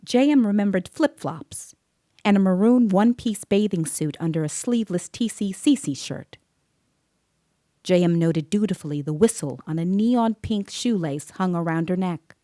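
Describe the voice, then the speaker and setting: An actress gives scripted first-person narration in an audio drama, playing an observant woman who questions a child witness and tells the story. Her low, dark voice is recorded dry and close with no room sound, and her delivery is restrained, precise and lightly acted.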